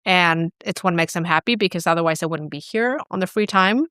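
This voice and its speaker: A young woman from Chile chats easily as an interview guest, sprinkling her talk with "like" and "you know." Her voice sits a little low and sounds smooth and resonant. It is recorded dry and close. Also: brisk, dry recording. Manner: relaxed, chatty, many fillers like "like" and "you know". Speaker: client care specialist, guest. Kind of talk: casual interview chat.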